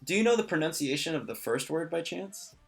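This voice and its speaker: A man teaching a language lesson in a relaxed way, with many fillers and joking asides. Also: on the high side, a little fast, creaky, soft background music. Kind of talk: casual lesson.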